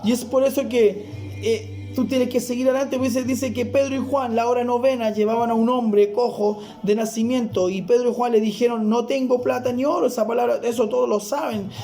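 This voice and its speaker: A man's voice: very high voice, steady tone, fairly quick, warm tone, faint music behind. A man preaching a fervent sermon, often calling the listener "brother".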